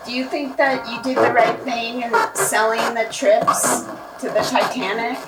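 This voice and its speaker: A woman's voice: a little high, steady tone, unhurried. A woman hosting a paranormal session, asking short questions aloud to spirits and repeating what she takes as replies. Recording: echoey, distant mic, noisy with clicks.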